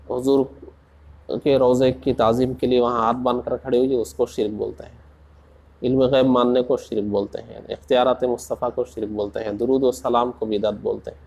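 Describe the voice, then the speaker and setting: A man preaching in a slow, deliberate way, asking rhetorical questions and rising into passionate emphasis. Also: mid-range voice, creaky, mellow. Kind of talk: Urdu sermon.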